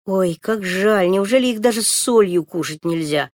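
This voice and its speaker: A woman voicing a timid, anxious little girl in a storybook reading, asking high childish questions. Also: moderate pace, darkish tone, no room sound, clean studio sound, lightly acted.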